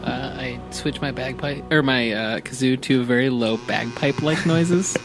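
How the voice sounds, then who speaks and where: A man's voice: mid-range voice, normal speed, music in the background. A man playing a tabletop game, chatting casually with irreverent, slangy jokes. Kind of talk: casual joking game chat.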